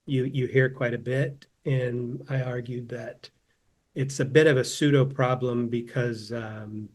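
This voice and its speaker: Measured in pace and fairly even in intonation, a man's mid-range voice belongs to a philosophy professor in his fifties from Southern California. He is a thoughtful guest in a casual interview who tends to repeat words when restarting.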